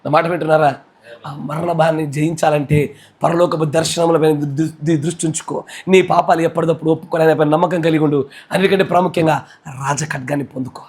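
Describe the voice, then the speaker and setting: A high-pitched man with a Telugu accent preaches a sermon. His delivery is fervent, and it moves between loud, shouted exclamations and quieter, intense speech. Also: fairly even intonation, fast talker. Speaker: pastor.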